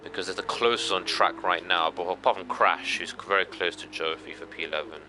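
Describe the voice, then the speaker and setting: A man with a lowish voice calls an online race in a relaxed, chatty way, breaking into excited rises when cars battle. Clear game engine noise runs beneath him. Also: a little fast. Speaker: race commentator. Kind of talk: casual live race commentary.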